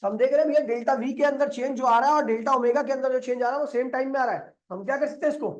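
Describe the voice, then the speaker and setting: A man's voice: very high voice, racing, darkish tone, dull audio. A male physics teacher explaining step by step on a board. He keeps asking questions and answering them himself, repeats key steps and mixes in English terms.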